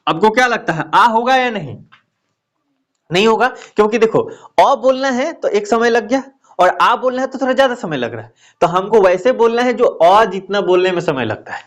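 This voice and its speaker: A man's voice: sits high, animated, normal speed, fairly bright tone. A man teaching a grammar lesson step by step. He asks questions and answers them himself, checks in with the class often, and draws out vowel sounds to show them. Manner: explains step by step, repeats key answers as questions.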